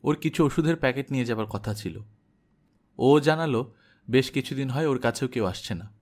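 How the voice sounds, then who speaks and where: A man narrating an audiobook in a measured first-person diary reading. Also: mid-range voice, expressive, a little mellow.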